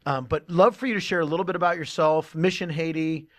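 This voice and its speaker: A man's voice: fairly high pitch, fairly even intonation, quick pace. Chatty upbeat male podcast host. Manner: upbeat, chatty, laughs often. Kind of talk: casual podcast chat. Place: studio room with others.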